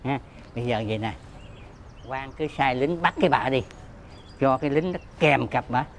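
A man's voice: medium pitch, normal speed, slight background noise, lightly acted. An actor playing a cheeky, deferential male court clerk in a folk tale TV drama.

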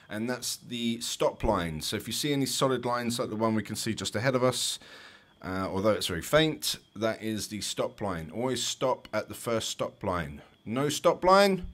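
A man's voice: on the low side, animated, normal speed, a bit bright. A man with a London accent, a driving instructor giving chatty, explanatory commentary over driving test footage with light jokes.

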